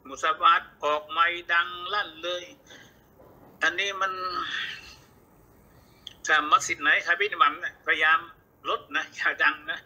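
Husky, bright-voiced male teacher. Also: sits high, rough recording. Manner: explains and repeats points, quotes Arabic texts. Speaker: religious teacher. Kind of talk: book lecture.

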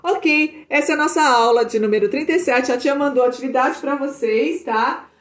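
A woman teacher with a Brazilian accent giving an online English lesson to children, reading lines aloud and translating them warmly. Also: high voice. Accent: Brazilian Portuguese. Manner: affectionate, slow and drawn out, reads English lines then translates. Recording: echoey room.

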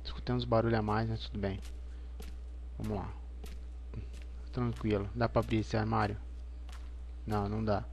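A man's voice: lowish voice, level tone, normal speed, vocal fry, long pauses, darkish tone, slight background noise. Brazilian man, scared horror game streamer. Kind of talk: live gameplay commentary. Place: indoor room at home. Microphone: headset.

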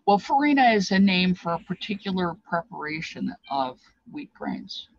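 A lowish, sing-song voice at a moderate pace comes from an older woman over fifty explaining feast dishes. The audio has no echo and cut-off highs, picked up by a webcam at desk distance in her small, cluttered indoor craft room. She rambles informally, reflecting and reminiscing along the way.

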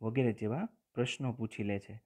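A man with a Gujarati accent teaching a lesson, reading a story aloud and then explaining it plainly, often clearing his throat. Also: fairly low pitch, brisk, a little mellow.

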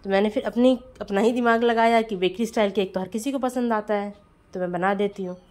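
A woman's voice: mid-range voice, fairly even intonation, a little fast, a little mellow. A woman home baker giving a casual voice-over tutorial on cake decorating, chatty and friendly, often calling her viewers friends.

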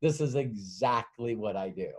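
A man's voice: lowish voice, lively intonation, moderate pace. A middle-aged man giving a motivational sales workshop as a guest speaker, telling a rambling story with many fillers and frequent chuckles.

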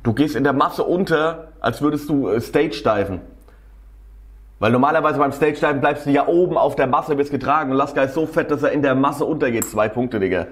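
A man's voice: medium pitch, brisk. A man casually commenting on a rap battle as a tutorial host, slangy and enthusiastic, often laughing.

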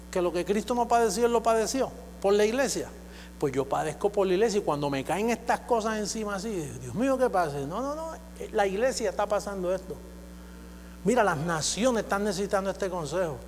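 Male preacher, high voice, exhorting sermon that climbs into loud declarations; reverberant hall with a faint hum.

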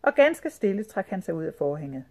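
Lively woman reading a children's story. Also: lowish voice. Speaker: audiobook reader.

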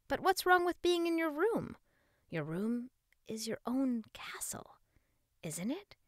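A woman narrating a children's storybook in a playful, expressive way, with asides to the listener. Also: lowish voice, no room sound, clean studio sound.

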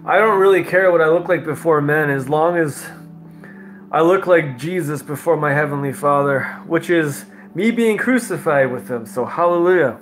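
High-voiced laughing street preacher. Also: male voice, moderate pace, soft background music. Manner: laughing often, animated and emotional. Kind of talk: live-stream sermon with personal testimony.

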